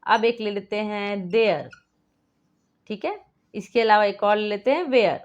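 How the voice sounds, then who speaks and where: A woman's voice: mid-range voice, measured pace, lo-fi sound. A woman teaching a phonics lesson, patiently explaining and repeating each rule and quizzing the viewer.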